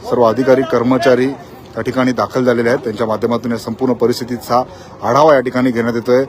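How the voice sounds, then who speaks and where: A man reporting live from the scene of a factory fire, in a quick, repetitive on-the-spot news style. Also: mid-range voice, little pitch movement, crowd noise. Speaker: field reporter.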